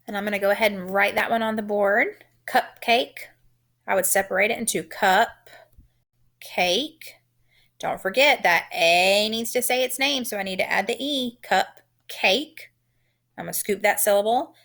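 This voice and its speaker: A woman teaching a phonics lesson, sounding out letters and syllables in a deliberate, encouraging way. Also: medium pitch, fairly bright tone.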